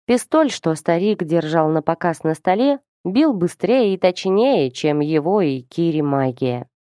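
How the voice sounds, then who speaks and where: A woman narrating a fantasy novel in a steady storytelling manner. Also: fairly low pitch, measured pace, smooth, no echo, studio quality. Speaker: audiobook narrator. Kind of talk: scripted narration.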